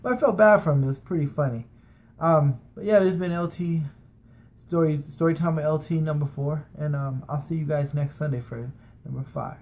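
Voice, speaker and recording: With a slightly high voice and darkish tone, an American man in his thirties from San Francisco and Las Vegas talks a little fast as he spins personal stories in a loose, informal way. It feels like a vlog made in a small bedroom. A webcam or camera at desk distance records it, with a bit of hiss or hum.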